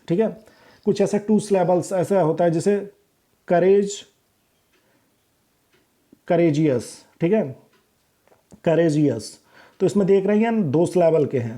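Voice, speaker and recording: A man teaching an English grammar lesson, explaining in Hindi and slowly reading out English rules, often checking in with "theek hai" and correcting himself. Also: fairly high pitch, mellow. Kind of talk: recorded classroom lesson.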